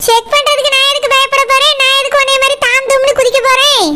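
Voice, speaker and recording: A woman voicing a shrill stern household matron. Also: flat delivery, quick pace. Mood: scolding. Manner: scolding, firm. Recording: loud background noise.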